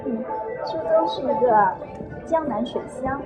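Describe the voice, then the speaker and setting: A woman from China giving unscripted explanations as an interviewed garden designer, pausing between short phrases. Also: high-pitched. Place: garden show, with music playing. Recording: loud music nearby.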